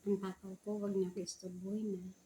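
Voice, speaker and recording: A woman's voice: medium pitch, steady tone, moderate pace. A Filipino woman chatting casually to viewers while she eats, her speech shaped by missing front teeth. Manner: talks while eating, savouring with small hums. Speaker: vlogger. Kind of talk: casual mukbang chat to viewers. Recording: clearly noisy home recording, roosters behind.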